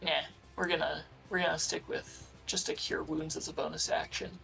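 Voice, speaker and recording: A tabletop player mulls over a turn out loud, slow and level with a gravelly, creaky edge to the voice. Faint music sits under the talk. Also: mid-range voice, little pitch movement. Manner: slow, unsure, thinking aloud. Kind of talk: tabletop game play.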